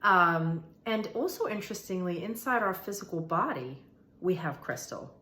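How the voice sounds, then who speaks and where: This manifestation and meditation channel host has a lowish, expressive voice with a sharp tone, speaking at normal speed. Her informal spiritual explainer addresses viewers in a conversational, emphatic manner, with phrases repeated for emphasis. The recording carries a roomy echo.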